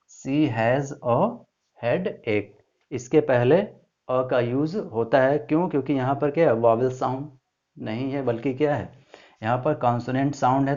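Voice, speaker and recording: A man with a medium-pitched, slightly mellow voice teaches English grammar for an entrance exam, reading example sentences slowly. He poses rhetorical questions to the class and keeps checking in with a repeated "ठीक है." The recording sounds dull and lo-fi.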